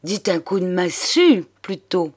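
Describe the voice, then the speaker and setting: A woman reading the part of an excitable old man, an amateur detective who mutters and broods to himself. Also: on the low side, measured pace, breathy edge, dry recording, clean studio sound, heavily acted. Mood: dumbfounded. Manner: agitated, musing to himself.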